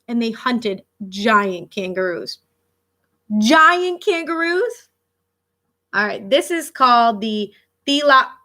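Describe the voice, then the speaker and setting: Her voice a little high, a woman teacher gives an expressive, emphatic read-aloud of a children's book. She weaves in questions and asides meant for the young children listening.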